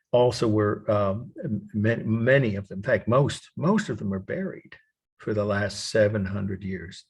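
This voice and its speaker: A man lecturing on art history to a college class in a low, gravelly voice with a husky edge. He explains step by step, stops to spell out terms letter by letter, and fills his pauses with "uh". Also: a little mellow. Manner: explanatory, spells words out slowly, frequent uh fillers.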